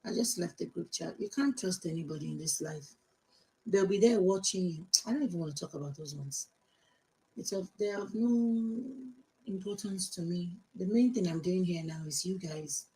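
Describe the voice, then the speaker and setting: On a rough recording, a woman in her fifties with a Nigerian accent answers viewer comments during a live stream, speaking her mind and mixing Yoruba with English. She has a dark, lowish voice and talks at a moderate pace.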